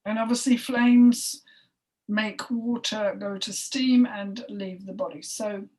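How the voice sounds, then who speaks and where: A woman co-hosting a spoken energy healing session, talking in a halting, emotional way, with sighs and soft breathy asides. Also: mid-range voice, steady tone. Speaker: healing session practitioner and co-host. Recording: voice distant from the mic.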